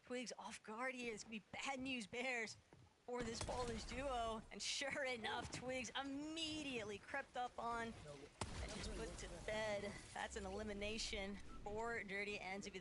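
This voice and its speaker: A woman calling live esports action, quickly narrating fights and eliminations. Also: medium pitch, steady tone. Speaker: esports commentator. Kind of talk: live play-by-play commentary. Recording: crowd noise behind the voice.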